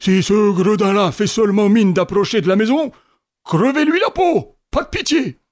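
A man voicing a greedy, hot-tempered old farmer in an audiobook, talking loudly and exclaiming. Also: high voice, moderate pace, pitched above the performer's own voice, lightly acted. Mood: furious. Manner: loud, blustering, exclaiming. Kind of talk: audiobook character voice.

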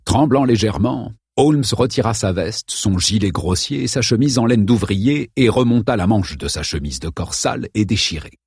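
A man reading a novel aloud as an audiobook narrator, in a steady, measured way. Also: lowish voice, creaky, breathy edge, dry recording, clean studio sound.

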